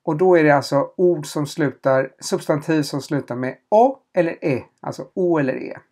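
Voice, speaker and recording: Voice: mid-range voice, warm tone. A language teacher running a question-and-answer lesson, spelling out letters and repeating them patiently, with small hesitations while explaining.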